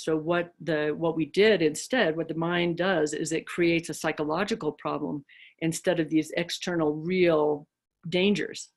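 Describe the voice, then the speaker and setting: A woman dharma teacher giving a reflective talk, telling stories with casual fillers. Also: deep voice.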